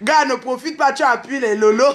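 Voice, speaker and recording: Animated woman ranting. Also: sits high, heavy background noise. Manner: animated storytelling, mixing in street slang; exclaims and calls out to others. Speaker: online video host. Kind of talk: unscripted direct-to-camera rant.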